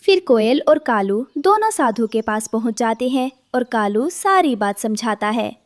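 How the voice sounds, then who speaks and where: A woman's voice: fairly high pitch, very animated, measured pace, no room sound, clean studio sound. A woman narrating a scripted children's cartoon story.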